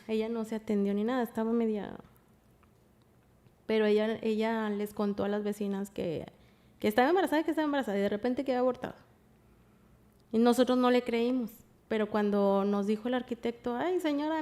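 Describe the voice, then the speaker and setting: A woman tells her story as a podcast guest. Her voice sits a little high, and she often trails off into quieter words as she goes. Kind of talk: casual storytelling.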